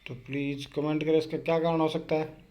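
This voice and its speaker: A man's voice: a little high, flat delivery, brisk, a little mellow. A man with a Rajasthani Hindi accent teaching an exam-prep quiz lesson. He reads each question, asks it back and answers it himself.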